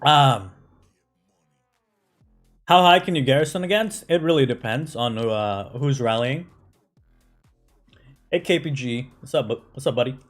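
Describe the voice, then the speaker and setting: A man's voice: medium pitch, measured pace, long pauses, faint music behind. A man who grew up in the United States, chatting casually on a game live stream, answering chat with lots of fillers and "right?" tags.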